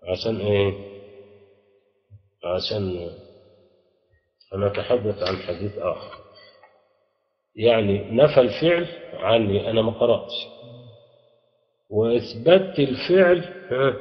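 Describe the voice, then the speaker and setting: Egyptian-accented male teacher quizzing his class. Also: lowish voice. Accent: Egyptian Arabic. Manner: explains slowly, quizzing students with rhetorical questions. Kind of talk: classroom lecture on grammar. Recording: dull lo-fi audio with long reverb.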